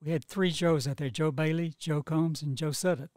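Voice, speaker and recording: An older man from Texas, a guest reminiscing in a relaxed, folksy way with many "you know"s. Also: on the high side, normal speed, dry recording, studio quality. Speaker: guest, local historian. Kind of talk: casual chat, reminiscing.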